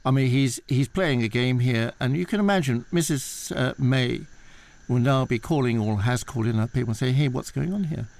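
A man with a gravelly, creaky voice at a middling pitch. He comments on the news off the cuff, in halting, colloquial phrases. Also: a little mellow. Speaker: defence analyst guest.

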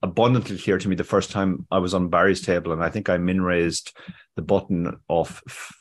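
A man co-hosting a podcast in casual chat, halting and often repeating words as he starts. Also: deep voice, steady tone. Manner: halting, stammered repetitions. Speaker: podcast co-host.

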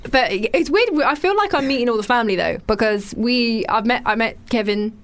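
A woman's voice: fairly high pitch, brisk. A woman presenter chatting casually and candidly, as in an entertainment talk show. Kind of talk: casual chat.

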